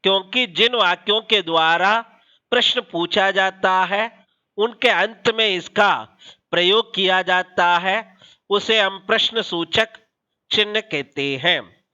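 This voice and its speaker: A man teaching a grammar lesson to children, explaining slowly and deliberately with pauses. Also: sits high, sharp tone, smooth, dull audio.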